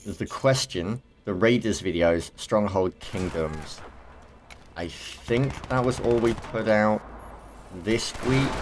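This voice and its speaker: A man hosting a casual gaming podcast, chatty and rambling with quick asides. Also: deep voice. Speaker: podcast host. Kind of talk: casual chat.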